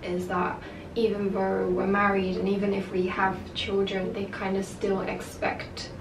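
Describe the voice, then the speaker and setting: Speaking at a medium pitch with a completely flat, gravelly delivery, this half-Japanese, UK-raised young woman takes her time. She's a vlogger in casual conversation with the camera, leaning on lots of fillers. Sound comes from a distant camera mic in a noisy, echoing room.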